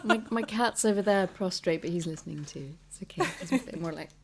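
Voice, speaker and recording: A woman's voice: on the low side, brisk, background noise. A woman hosting a live stream from home over a video call, chatting casually and laughing often. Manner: giggly, warm-toned chatter with frequent laughs. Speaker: host.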